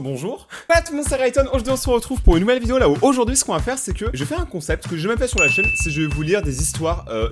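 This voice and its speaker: A man hosting his own channel, casually reading out and reacting to short stories, joking, swearing and bursting into exaggerated exclamations. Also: a little high. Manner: jokey, swears, exaggerated outbursts. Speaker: YouTuber host.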